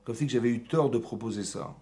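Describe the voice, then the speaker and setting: A man teaching a Torah class in a synagogue, lively and often checking in with his listeners. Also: medium pitch, quick pace. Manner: lively, asks frequent check-in questions, mixes Hebrew terms. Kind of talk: animated Torah lesson with questions to the audience.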